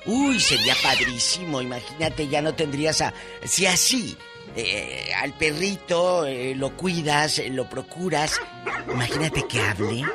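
A man's voice: a little high, sing-song, measured pace. A man with a Mexican accent co-hosting a radio show, chatting in a playful, teasing, colloquial way. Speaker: radio co-host. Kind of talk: casual radio chat. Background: faint music.

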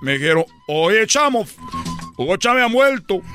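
Guy on a comedy radio bit, rambling story, kinda high voice, music in the back. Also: very animated, moderate pace, sharp tone. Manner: rambling storyteller, laughs at own jokes. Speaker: comedy host. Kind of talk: improvised comedy radio sketch.

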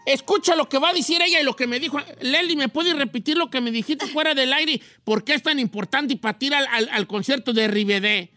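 A man's voice: very high-pitched, pushed and bright, no room sound. Man doing a folksy old radio host. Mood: teasing. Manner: drawn-out, melodramatic, rustic phrasing. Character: folksy elderly Mexican man, theatrical and teasing. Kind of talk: comedy radio banter.

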